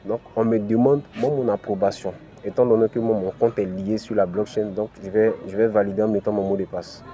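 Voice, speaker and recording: A man's voice: lowish voice, fairly even intonation, fairly quick, mellow, faint music behind. A man with an African French accent walks viewers through a screen-recorded tutorial step by step, with lots of "ok" and "voilà". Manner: explains step by step, many "ok" and "voilà" fillers. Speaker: crypto channel host.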